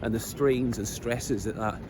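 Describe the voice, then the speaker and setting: A middle-aged Scottish vlogger speaks slowly and earnestly in a reflective personal monologue, his medium-pitched voice steady. He hesitates a lot, pausing with ums as he collects his thoughts. He records outdoors on a coast, with outdoor noise and passing vehicles in the background.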